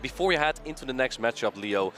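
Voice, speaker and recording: A man doing live tournament commentary, talking quickly and excitably and repeating himself as he thinks. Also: mid-range voice, soft background music. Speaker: esports commentator.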